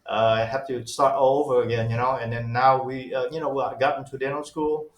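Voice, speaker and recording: A man's voice: mid-range voice, fairly even intonation, fairly quick, reverberant. A man in his forties from Vietnam, a non-native English speaker, talking casually as an interview guest with many fillers and restarts. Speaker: guest dentist.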